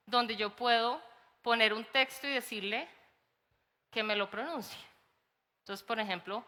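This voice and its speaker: A Colombian woman teacher giving a lively conference talk, telling stories and acting out little quotes. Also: on the high side, in a large hall. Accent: Colombian Spanish. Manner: lively, animated storytelling with acted quotes and laughs. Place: large conference hall.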